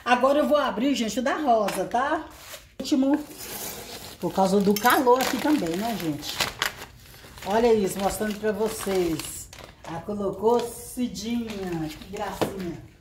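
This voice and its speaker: Slow, effusive woman in an echoey room. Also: mid-range voice, background noise. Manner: effusive, exclaiming over each gift. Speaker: vlogger. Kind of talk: casual unboxing chat.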